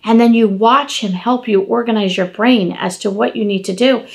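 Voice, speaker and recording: A woman in her fifties giving an informal devotional talk at home, animated and conversational, speaking to the camera from across a table. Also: on the high side, moderate pace, gravelly. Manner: animated, gesturing, conversational preaching. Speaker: devotional podcast host. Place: home dining room, indoors.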